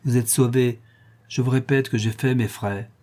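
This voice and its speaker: A man reading aloud and voicing a rough, outspoken working-class woman in an audiobook. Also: mid-range voice, fairly even intonation, moderate pace, warm tone, natural voice. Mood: blunt. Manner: gruff and outspoken.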